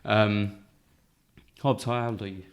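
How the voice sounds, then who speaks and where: Thirties bloke, low-ish voice, teasing co-host banter. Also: male voice, steady tone, slow, smooth. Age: 30s. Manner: jokey, teasing, chatty. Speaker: podcast co-host. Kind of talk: casual chat.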